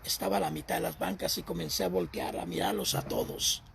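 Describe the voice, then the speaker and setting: A man's voice: on the high side, huge pitch swings, brisk, vocal fry, background noise. A man preaching a sermon as a lay missionary, telling a personal testimony and repeating phrases for emphasis.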